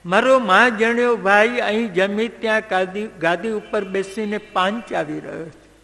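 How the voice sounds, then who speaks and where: A man telling a devotional story in a slow, measured way, breaking into song now and then. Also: high voice, vocal fry, sharp tone. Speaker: religious storyteller. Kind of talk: devotional storytelling with sung passages. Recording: long hall reverb.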